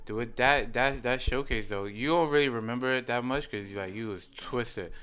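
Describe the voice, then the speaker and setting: A man hosting a casual podcast chat, slangy and excitable, with stop-start phrasing. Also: medium pitch, normal speed. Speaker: podcast host.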